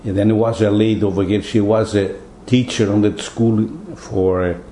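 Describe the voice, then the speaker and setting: An older man from Portugal with a Portuguese accent, telling his story in an interview in halting, broken English with many repeated words. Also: fairly low pitch, fairly even intonation, dark tone, roomy sound, slight background noise, low-quality recording. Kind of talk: oral history interview.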